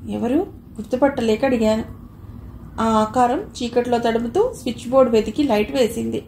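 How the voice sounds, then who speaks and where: A woman reading a first-person audio novel in a measured, expressive way. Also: a little high. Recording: roomy echo, faint hiss.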